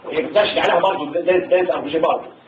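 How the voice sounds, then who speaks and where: An older Egyptian man with an Egyptian Arabic accent, a war veteran telling his story to a salon audience in an animated, halting way. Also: slight background noise. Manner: animated, rising into high pitch when moved, halting restarts. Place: hall at a literary salon. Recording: tinny distant hall recording with echo.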